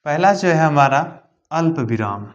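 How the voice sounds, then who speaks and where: A man's voice: fairly high pitch, expressive, measured pace, highs cut off. A man teaching a grammar lesson, asking his students questions and answering them himself, stressing key points by repeating them. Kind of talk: explanatory classroom lesson.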